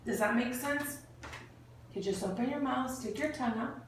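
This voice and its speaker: A woman's voice: high-pitched, moderate pace. A woman clinician giving step-by-step exam instructions in an encouraging way, with short bits of praise. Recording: very echoey room, distant mic, faint noise.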